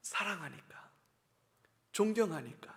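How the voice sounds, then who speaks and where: A male pastor preaching a sermon, asking the congregation questions and dropping from loud emphatic bursts to hushed whispers. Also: high-pitched, lively intonation, a little slow, gravelly. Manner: addresses the congregation directly with questions. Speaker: senior pastor.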